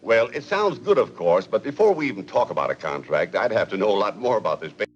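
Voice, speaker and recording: An actor playing a formal, brisk school board official speaking by phone in a 1940s film. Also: male voice, fairly low pitch, big pitch swings, husky. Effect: phone line. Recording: dull old film audio.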